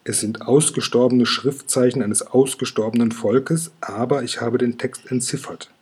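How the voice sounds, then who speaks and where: A man voicing an earnest, insistent male dragon scholar in a storybook reading, with a very husky voice. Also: medium pitch, steady tone, normal speed, darkish tone.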